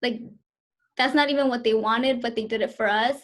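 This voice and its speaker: Speaking at a normal pace with a steady tone, this Southern California woman in her twenties has a slightly high voice. She responds to interview questions on a video call, sounding unsure and leaning on lots of fillers.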